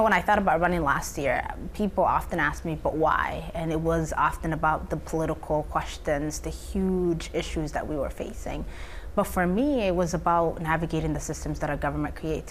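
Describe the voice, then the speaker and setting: A woman's voice: deep voice, slight background noise. A young woman from Somalia, a state senator, answering interview questions earnestly and building her points in lists.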